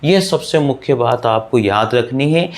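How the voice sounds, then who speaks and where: A man's voice: medium pitch, expressive, unhurried. A man teaching an online grammar lesson, explaining step by step, asking questions and answering them himself, repeating the key points and addressing his viewers as friends.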